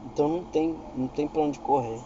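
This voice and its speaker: A man's voice: on the high side, fast talker, warm tone, dull audio, slight background noise. A man with a Brazilian Portuguese accent giving informal Bible teaching, reading verses aloud with rising emphasis and often asking if you understand. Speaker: preacher.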